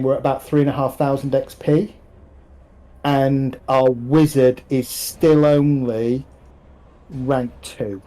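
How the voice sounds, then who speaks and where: A man running a tabletop role-playing game on stream. He narrates scenes and talks rules in a relaxed way, with pauses and fillers. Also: medium pitch, rough recording. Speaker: game master.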